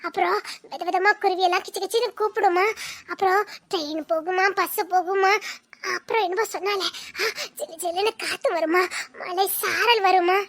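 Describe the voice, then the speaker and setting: A woman's voice: very high-pitched, steady tone, normal speed, fairly bright tone. A young woman with a Tirunelveli Tamil accent, playing a sheltered village girl who is emotional and full of wonder about the outside world. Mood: wistful. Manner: emotional, wistful, gushing with wonder. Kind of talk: web series drama acting.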